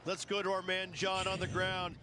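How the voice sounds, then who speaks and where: A man's voice: high voice, completely flat delivery, normal speed, lightly acted. A man giving golf broadcast commentary as a course analyst, conversational and emphatic. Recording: clear background ambience noise.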